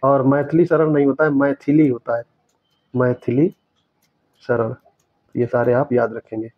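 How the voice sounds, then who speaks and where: A man teaching, going through exam questions and correcting each answer step by step, repeating the right words slowly. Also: medium pitch, no echo. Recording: dry, dull lo-fi sound.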